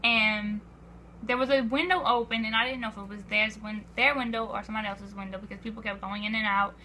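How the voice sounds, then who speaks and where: A teenage girl telling an excited vlog story, breathless and full of "I was like", acting out quotes. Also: mid-range voice, quick pace, a little hiss or hum. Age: teens. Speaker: vlogger.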